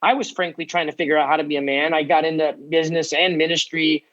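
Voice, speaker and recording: Lively storytelling man in his forties. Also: on the high side, lo-fi sound. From United States. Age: 40s. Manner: energetic storytelling, quick asides. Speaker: guest, ministry founder. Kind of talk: podcast interview.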